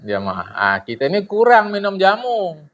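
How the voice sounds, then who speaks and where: A middle-aged man, a religious teacher, delivers a humorous sermon to his congregation in a high, somewhat bright voice with wildly swooping pitch at a moderate pace. He asks himself questions and answers them, and acts out little dialogues.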